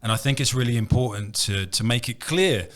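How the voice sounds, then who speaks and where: A man's voice: mid-range voice, a little fast, fairly bright tone. A man hosting a hip hop show, upbeat and hyping, often repeating words as he starts. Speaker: show host. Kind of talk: casual interview chat.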